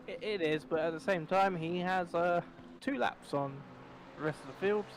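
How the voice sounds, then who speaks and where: A man's voice: sits high, normal speed, slight background noise. Chatty male sim racing commentator. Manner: rambling, self-correcting, chatty. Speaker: race commentator.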